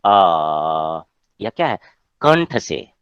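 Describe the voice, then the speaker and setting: A male teacher holds a Sanskrit class over a video call, his pitch rising and falling animatedly as he explains. He keeps pausing to ask whether everyone has understood. The sound is close and dry. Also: sing-song, a bit bright, no echo, lo-fi sound. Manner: explains patiently, checks with students often. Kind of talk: online class lecture.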